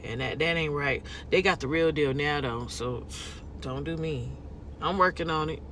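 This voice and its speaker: A woman's voice: deep voice, moderate pace, a bit bright, slight background noise. A woman from California with a Californian accent, chatting casually to her viewers in a vlog, folksy and talkative, tossing in lots of y'all and okay. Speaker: lifestyle vlogger.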